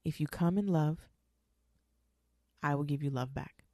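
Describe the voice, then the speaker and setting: A woman's voice: sits low, measured pace, darkish tone, dry recording, studio quality. A woman in her twenties, a mother speaking candidly and bluntly, swearing freely and hammering her points home. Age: 20s. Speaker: mother talking about her show. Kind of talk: candid monologue.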